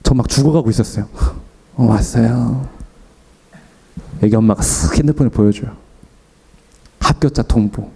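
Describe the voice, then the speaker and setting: A man's voice: lowish voice, fast talker, slightly rough. A young man preaching an afternoon sermon, telling a personal story and acting out what people said. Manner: animated, acts out his own and others' lines.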